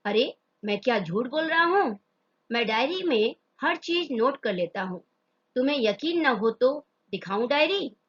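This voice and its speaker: A woman's voice: high voice, lively intonation, a little slow, a bit bright, husky, full character voice. A woman reading the lines of a stern, scheming male employer who scolds and lectures in a hard, indignant tone, from a play read aloud. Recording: dull lo-fi recording.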